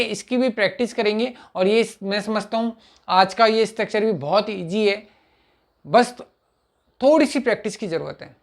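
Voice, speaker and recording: A man teaching spoken English in a casual lesson, explaining step by step with small acted dialogues and repeated examples. He talks haltingly, often pausing with "uh" and restarting words. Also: high-pitched. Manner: halting, with frequent "uh" fillers and restarts.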